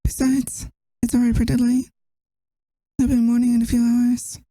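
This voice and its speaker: A woman's voice: on the high side, monotone, moderate pace, no room sound, close to an everyday voice. A woman playing a tired, affectionate girlfriend who misses her partner, in a tender, intimate ASMR role-play. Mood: tender, reassuring. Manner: tender, intimate, soft-spoken.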